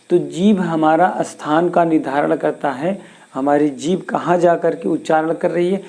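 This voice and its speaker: Slow, gravelly Hindi grammar teacher, man. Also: a little high, warm tone. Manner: slow, repeats sounds and asks the class questions. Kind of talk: classroom lesson.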